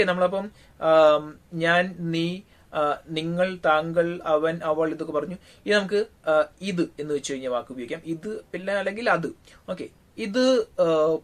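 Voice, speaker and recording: A man with a Malayali accent giving a relaxed, casual spoken language lesson, pausing often on drawn-out fillers. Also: fairly high pitch. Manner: unhurried, frequent drawn-out fillers. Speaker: language teacher.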